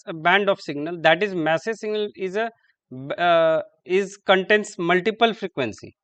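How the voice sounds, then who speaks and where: A man giving a classroom lecture, halting and repeating terms as he writes on the board. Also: sits high, pushed and bright, clean tone, dull audio.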